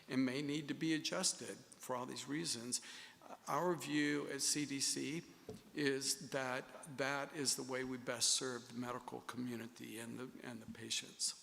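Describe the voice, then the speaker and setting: A male public health official speaking in a measured, hesitant way at a formal meeting. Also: medium pitch, creaky, a bit bright, in a large hall. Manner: measured, hesitant, many fillers.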